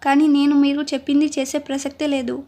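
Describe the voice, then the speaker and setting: Woman reading grumpy young husband, curt, high flat voice. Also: fast. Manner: curt, dismissive.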